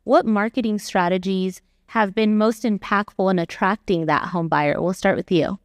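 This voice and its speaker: A woman's voice: mid-range voice, steady tone, normal speed, no echo, studio quality. Upbeat woman moderating a panel. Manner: upbeat, encouraging, mixes in Spanish.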